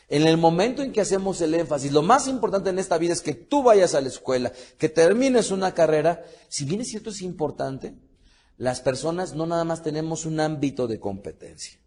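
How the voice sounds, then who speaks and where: A man with a somewhat high voice gives a sermon-style Bible study. He talks to his listeners as beloved and has them repeat words back to him. He spells out and pronounces Hebrew words slowly and with care. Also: darkish tone. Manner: addresses listeners as beloved, leads repetition of words, frequent restarts. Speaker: teacher of a Torah study.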